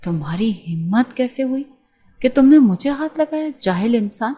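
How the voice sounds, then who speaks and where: A woman voicing an angry, sharp-tongued young woman doctor who scolds with scorn. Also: mid-range voice, lightly acted. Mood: furious.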